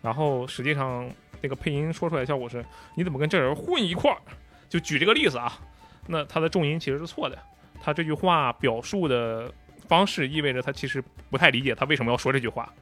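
Casting: quick, mid-pitched male co-host, precise and analytical, faint music bed. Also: pushed and bright. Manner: detailed, analytical, acts out line readings. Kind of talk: casual gaming chat.

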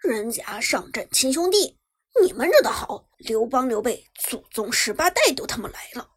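A woman's voice: fairly high pitch, expressive, moderate pace, slightly rough, no echo, studio quality. A woman voicing a sly, mocking male pro gamer who drawls his taunts. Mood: taunting.

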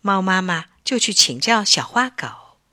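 一位女士以富有表现力、从容的语气讲述儿童故事。. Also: female voice, medium pitch, no room sound, clean studio sound. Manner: expressive, deliberate. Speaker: storyteller. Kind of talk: children's story narration.

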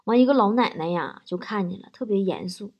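Lively woman telling comic stories. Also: mid-range voice, a little fast, highs cut off. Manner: lively, punchline-driven. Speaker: comic storyteller. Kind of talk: comic anecdote monologue.

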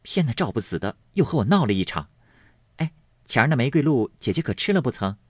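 A man voicing a saucy teenage servant girl who mocks and teases with quick, pert remarks. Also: mid-range voice, big pitch swings, no echo, studio quality, voice pushed up. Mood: breezy. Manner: pert, mocking, quick-tongued.

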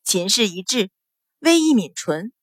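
A woman reading a period novel aloud as a storyteller, giving the quoted characters a raised, forceful voice. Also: medium pitch, big pitch swings, unhurried, dry recording. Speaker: audiobook narrator.

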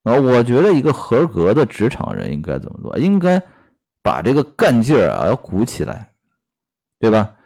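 The pitch of this mid-range male voice swings wildly, with vocal fry and a darkish tone at a moderate pace. His clip is a classic novel episode retold and tied to workplace commentary; as storyteller and commentator, he often uses fillers and asks rhetorical questions.

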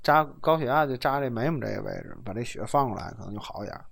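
A man telling casual anecdotes in a chat, animated and laughing, swinging between loud and soft with coarse slang. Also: medium pitch, very fast, gravelly. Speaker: storyteller host.

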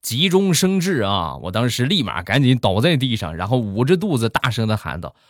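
A man's voice: mid-range voice, big pitch swings, brisk, dry recording, clean studio sound. A man telling comic anecdotes in a chatty style, building up to punchlines. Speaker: comedy storyteller.

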